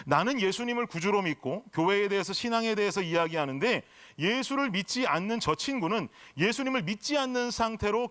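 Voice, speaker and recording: A middle-aged man from Seoul preaches on a church microphone, his voice sitting high and leaping up and down as he tells stories. He keeps turning to the congregation with rhetorical questions. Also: a bit bright. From Seoul, South Korea. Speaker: pastor. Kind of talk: sermon. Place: church sanctuary.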